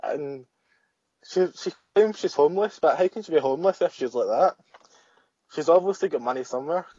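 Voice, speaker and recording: A man's voice: on the high side, lively intonation, a little fast, darkish tone, breathy edge, no room sound, muffled recording. A man chatting casually as a guest, giving short, offhand replies. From Scotland. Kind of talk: casual chat.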